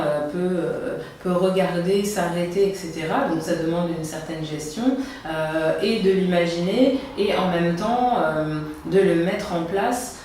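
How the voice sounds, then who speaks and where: A woman's voice: fairly low pitch, a little mellow. A woman interviewer asking long, hesitant questions full of fillers. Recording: echoey room, far from mic, faint noise.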